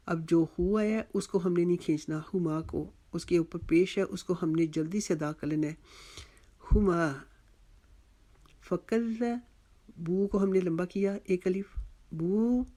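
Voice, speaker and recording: A Quran recitation teacher, slowly explaining tajweed and repeating each word, drawing out chanted words. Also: warm tone. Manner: slow, patient, repeats each word and drills pronunciation; chants the verse words drawn out and higher.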